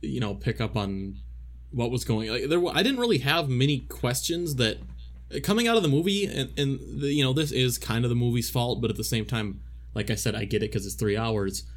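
A man's voice: medium pitch, lively intonation, a little fast. Rambling male podcast co-host. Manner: rambling, many restarts and fillers. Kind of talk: casual movie discussion.

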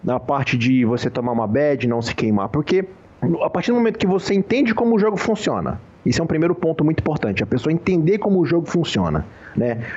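A man speaks casually as a guest on a poker interview, easy and slangy, always checking that the listener follows. His voice sits a bit high for a man. The recording is muffled and dull. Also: quick pace, husky. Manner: relaxed, slangy, says "cara" and "entendeu" often. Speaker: professional poker player, guest.

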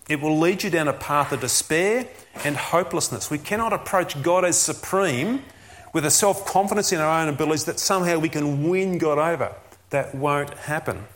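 A man's voice: on the high side, fairly bright tone. A man preaching a sermon as a pastor, earnest and emphatic, often asking rhetorical questions.

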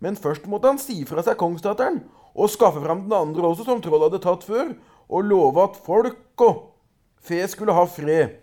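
A man reading a folk tale aloud in a lively storytelling way, with small hesitations. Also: high-pitched.

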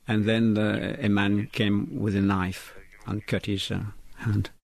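A man giving a live interpreter voice-over for a guest in a news report, halting and full of fillers and restarts. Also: lowish voice, flat delivery, creaky.

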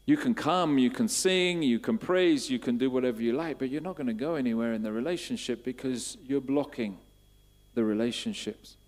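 A man preaching a sermon, asking repeated questions and building to emphatic, louder bursts. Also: medium pitch, normal speed.

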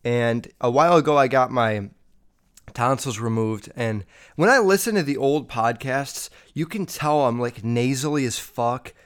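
Here a young man with a smooth, mid-range voice and lively intonation talks at a measured pace on his solo podcast, using a podcast mic. He rambles, swears a lot and fills space with fillers, sounding slightly nasal and under the weather from being sick.

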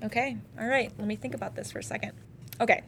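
A woman co-hosting a casual podcast, enthusiastic and quick to laugh. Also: fairly high pitch, steady tone, vocal fry, a bit bright, a little hiss or hum. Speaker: podcast co-host.

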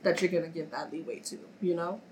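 A woman with a lowish voice talks frankly in a relaxed podcast chat. Her voice sounds slightly nasal from a cold. Faint noise sits behind her. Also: fast talker, poor audio. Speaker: podcast co-host. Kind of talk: casual chat.

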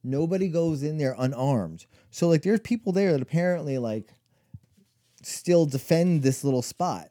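A man's voice: on the high side, lively intonation, moderate pace, mellow. A man in his forties, co-hosting a casual chat and telling long stories full of "like" and "you know.". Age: 40s. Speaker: podcast co-host.

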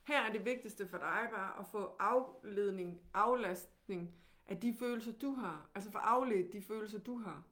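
A woman with a Danish accent teaching, who guides calmly and gently with many questions. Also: medium pitch.

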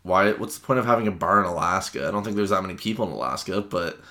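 A man's voice: low-pitched, fast, pushed and bright. A young man from Canada co-hosting a podcast, chatting casually, joking, laughing often and swearing. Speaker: podcast co-host. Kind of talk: casual chat.

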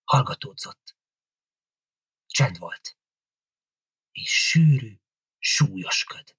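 A man reading a novel aloud as an audiobook narrator, in a steady storytelling delivery. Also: fairly low pitch, slightly rough, no echo, clean studio sound.

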